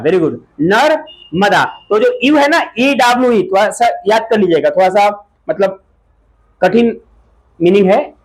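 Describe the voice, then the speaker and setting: A man teaching a classroom lesson, asking the pupils short repeated questions and sometimes calling out loudly. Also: sits high, low-quality recording.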